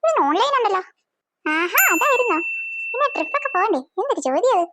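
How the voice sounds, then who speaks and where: A woman's voice: extremely high pitch, big pitch swings, fast, very noisy. Malavika, a sly big-sister girl. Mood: secretive. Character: sly teenage girl, bossy elder sister. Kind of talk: cartoon voice acting.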